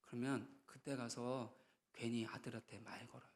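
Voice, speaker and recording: A man's voice: mid-range voice, level tone, moderate pace. A man in his thirties, a pastor, giving a conversational sermon at a church retreat, rising into emphatic bursts.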